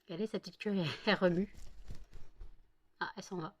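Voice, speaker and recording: A woman's voice: mid-range voice, fairly even intonation, quick pace, a little hiss or hum. A French woman vlogging at home, chatting and cooing baby talk to her dogs with playful teasing. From France. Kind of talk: casual chat to her dogs.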